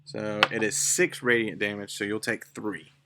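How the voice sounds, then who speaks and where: A man's voice: fairly low pitch, steady tone, normal speed, very noisy. A man narrating as game master of an online tabletop game, describing scenes unhurriedly with fillers.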